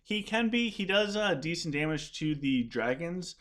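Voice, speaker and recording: This gaming streamer's voice sits on the high side, fairly bright, with lively intonation and a moderate pace. He rambles chattily through live commentary and viewer questions, restarting frequently while his voice wears out.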